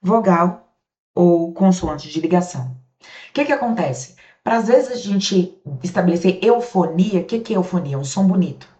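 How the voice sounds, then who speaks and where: A woman's voice: lowish voice, lively intonation, moderate pace, dark tone. A woman with a Brazilian Portuguese accent teaching a grammar lesson, asking and answering her own questions with casual check-ins to the class. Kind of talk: grammar lecture. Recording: roomy, dull lo-fi sound.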